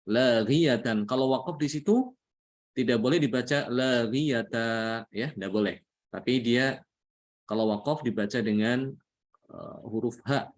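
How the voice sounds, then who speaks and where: A man with an Indonesian accent teaching a Quran recitation lesson, patiently repeating each point and often adding "ya". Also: mid-range voice. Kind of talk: religious lesson.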